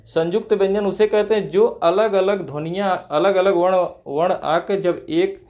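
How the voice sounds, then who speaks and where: A man teaching Hindi grammar for exam prep, asking questions and answering them himself in slow, drawn-out repetitions. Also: high-pitched, steady tone, a little mellow.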